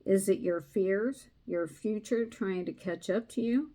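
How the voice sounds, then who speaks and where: A woman giving a casual tarot reading on her channel. She speaks slowly and hesitantly in a soft, mellow voice with a darkish tone. She fills her pauses with ums and uhs while reading aloud from a card book. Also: mid-range voice. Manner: hesitant, many fillers. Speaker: tarot reader.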